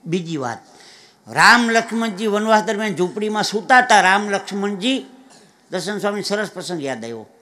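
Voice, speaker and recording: A man telling comic folk stories on stage, lively and chatty, with asides to the audience. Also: high-pitched, brisk. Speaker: folk comedian. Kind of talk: live dayro comic storytelling. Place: live stage event with an audience.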